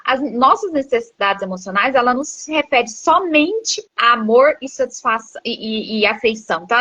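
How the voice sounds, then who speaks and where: Brazilian woman psychologist, bright and a bit husky, on a dull lo-fi live stream with a dry sound; explanatory, leans on rhetorical questions. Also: fairly high pitch, no echo. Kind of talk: live book-study talk.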